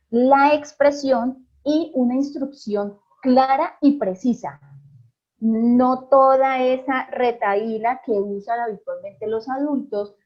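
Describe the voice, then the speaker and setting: A woman's voice: fairly high pitch, dull audio. A woman psychologist giving an online parenting talk, often asking her audience questions and checking with "¿listo?".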